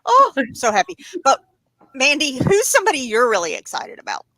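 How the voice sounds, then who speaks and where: A woman's voice: high-pitched, wildly swooping pitch, fairly quick, bright, forceful tone, dry recording, low-quality recording. A woman co-hosting an interview, enthusiastic and gushing about guests. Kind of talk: casual interview chat.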